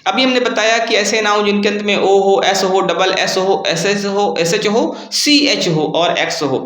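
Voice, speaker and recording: A man's voice: high-pitched, a little slow, a bit bright, echoey room. A man teaching a grammar lesson, explaining step by step and asking his students questions.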